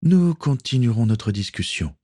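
A man voicing a stern, dutiful naval captain in a read-aloud story, measured and authoritative. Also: mid-range voice, big pitch swings, dark tone, dry recording, studio quality, pitched above the performer's own voice. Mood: formal.

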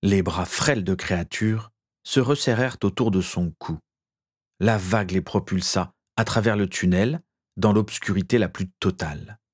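A man reading a story aloud with measured, expressive narration. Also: low-pitched.

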